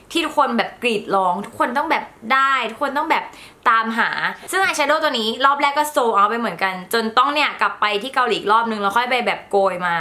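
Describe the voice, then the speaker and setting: Woman beauty vlogger, casual haul talk, slightly high and very bright, playful and chatty. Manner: chatty and playful, sprinkling English words.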